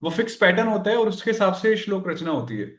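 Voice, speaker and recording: A man teaching a Sanskrit grammar class, explaining slowly and counting syllables aloud, switching between Hindi and English terms. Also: sits high, big pitch swings, echoey room. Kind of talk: online class lecture.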